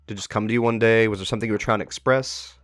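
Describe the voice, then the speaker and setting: Rapid-fire and fairly level in intonation, this man's lowish voice carries a slightly bright edge in a dry, studio-quality recording. As host of a laid-back chat about a web horror series, he asks curious, encouraging questions, with music running underneath.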